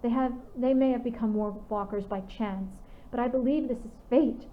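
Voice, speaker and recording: A woman voicing a lively, brave young girl wolf walker who shouts joyfully and speaks earnestly, on tinny phone-like audio. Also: fairly high pitch, normal speed, a little hiss or hum, lightly acted. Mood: serious.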